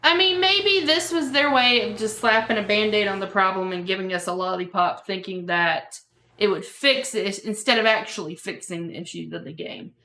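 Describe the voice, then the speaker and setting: A woman co-hosting a gaming podcast in casual, excitable chat. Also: medium pitch, normal speed, reverberant, a little hiss or hum. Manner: excitable, chatty. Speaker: podcast co-host.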